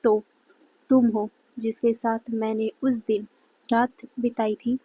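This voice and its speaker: A woman voicing a cold, dominating male alpha wolf leader in a husky, slow-spoken fan-fiction reading. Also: fairly high pitch, level tone, dark tone, low-quality recording.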